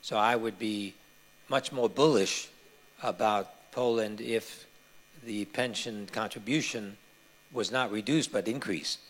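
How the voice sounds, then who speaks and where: A man answering audience questions at a conference, explaining points in a measured way with frequent hesitations. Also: lowish voice.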